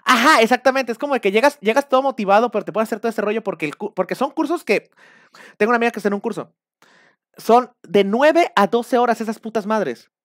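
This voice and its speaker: A man with a Mexican accent talking casually on a live stream, rambling and animated. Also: very high-pitched, fast, no echo, clean studio sound. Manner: rambling, animated, acts out shouted quotes.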